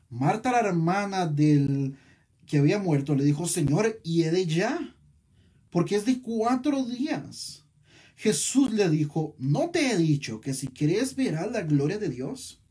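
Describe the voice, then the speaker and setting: Male pastor, husky voice, fairly high and lively pitch, sermon. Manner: animated preaching with rhetorical questions.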